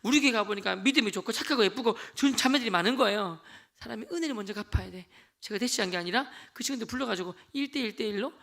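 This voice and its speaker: A man in his forties delivers a church testimony from the pulpit with a notably high, bright voice. He talks quickly and tells his story as a lively performance, acting out the voices of the people in it. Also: creaky. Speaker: lay deacon giving testimony. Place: church sanctuary.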